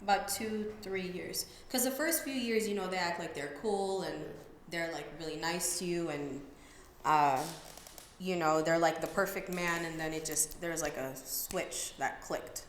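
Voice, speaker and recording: A woman's voice: on the low side, measured pace. Candid woman coach, echoey room. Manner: candid, talks openly and easily about hard personal history. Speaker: boxing coach, podcast guest. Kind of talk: casual interview conversation. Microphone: sits at a table mic in a podcast studio. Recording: very echoey room, faint background hiss.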